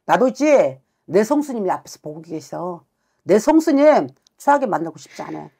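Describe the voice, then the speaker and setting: A woman's voice: fairly low pitch, big pitch swings, moderate pace, gravelly, mellow, husky. A woman shaman harshly scolding a client during a consultation. She swears as she berates, and keeps demanding answers. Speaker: shaman fortune teller.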